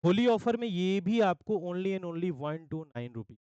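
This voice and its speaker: A young man from India, an English teacher with an Indian accent, promoting his course batches in an energetic sales pitch, often checking in with listeners. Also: measured pace, clean tone, dry recording, muffled recording. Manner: mixes Hindi with English phrases. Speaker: English teacher for exam aspirants.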